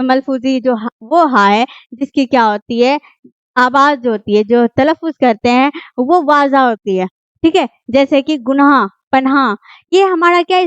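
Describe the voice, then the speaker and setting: Woman, teacher, high voice, asks questions and answers them herself, dry close sound, slightly muffled. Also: clear, resonant tone, dry recording. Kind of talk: grammar lesson explained at a board.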